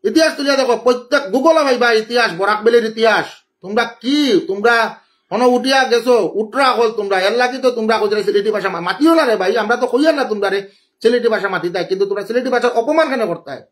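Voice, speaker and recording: A man's voice: extremely high pitch, rapid-fire. A man from Assam's Barak Valley with a Sylheti Bengali accent, ranting indignantly on a phone live stream and scolding the person he is answering. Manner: indignant, scolding, greets viewers by name. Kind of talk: angry live-stream rant.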